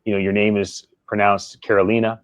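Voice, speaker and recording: A male interview host with a lowish voice asks long, winding questions, circling back with "you know" and "uh." The sound is close and dry, with no room echo. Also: little pitch movement, brisk. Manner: rambling, searching questions with fillers. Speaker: podcast host.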